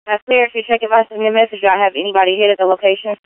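Rapid, flat dispatcher over police radio. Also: mid-range voice, clean tone, no echo. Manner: rapid, clipped, procedural. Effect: police radio transmission. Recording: tinny narrow-band police radio.

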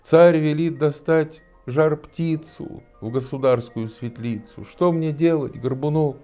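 A man's voice: on the high side, a little slow, mellow, soft background music, pitched above the performer's own voice, natural voice. A man in his sixties voicing a simple young peasant lad who makes excuses and pleads. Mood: pleading. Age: 60s.

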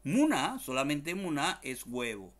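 Teaching a language lesson online, a man speaks in an expressive, medium-pitched voice with a fairly bright tone. He goes slowly, repeating every word many times and spelling it out letter by letter, with little jokes along the way.

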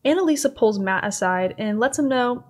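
A woman's voice: on the high side, lively intonation, a little fast, soft background music. A young woman co-hosting a casual comedy recap, sarcastic and giggly as she narrates. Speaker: co-host of a commentary channel.

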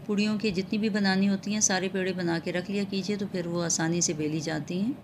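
A woman hosting a home cooking tutorial, explaining each step calmly with frequent pauses and filler sounds. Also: medium pitch, noisy background. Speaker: cooking channel host.

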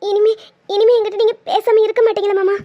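A piping, very high young wife from a cartoon, sulky and clingy. She pleads and teases by turns. The recording is muffled and lo-fi. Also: animated, brisk. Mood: tearful pleading. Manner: pleading, teasing banter. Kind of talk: cartoon dubbing. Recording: dull lo-fi sound.

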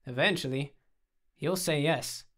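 A man's voice: fairly high pitch, unhurried, a bit bright. Brief: teasing, theatrical young man, coaxing and playful, read by a man.

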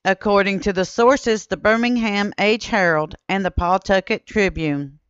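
A woman narrates a documentary script in a steady, measured way, reading old newspaper quotes aloud. Her voice is smooth and clear at a mid pitch. The recording is dry, with a slightly muffled, dull tone. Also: no room sound. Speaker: history channel narrator.

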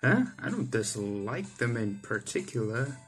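This young adult reads visual novel lines aloud with dramatic flair, now and then stumbling over a word. He's very animated yet unhurried, his voice at medium pitch, recorded on webcam in an indoor room with the game's music in the background.

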